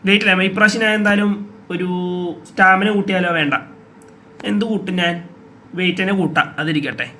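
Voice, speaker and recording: Chatty gaming YouTuber, male, high and bright voice, talks straight to viewers with sudden exclamations. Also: fairly even intonation, fast talker, long pauses, slight background noise. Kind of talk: casual gameplay commentary.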